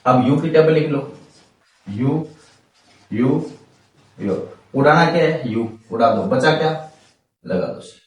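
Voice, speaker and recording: A man with a Hindi accent teaching English grammar in a classroom style, going over each rule slowly and firing questions back at his students. His voice is mid-pitched and carries a heavy room echo. He sounds a fair way off from the mic. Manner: explains step by step, repeats and quizzes students, calls them beta. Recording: echoey room, mic far off.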